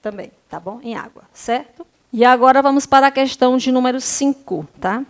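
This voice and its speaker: Brazilian woman, middle-aged primary teacher, slightly high voice, patient, keeps checking the class understands. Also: brisk. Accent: Brazilian Portuguese. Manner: patient, asks rhetorical check questions constantly. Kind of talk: recorded remote grammar lesson.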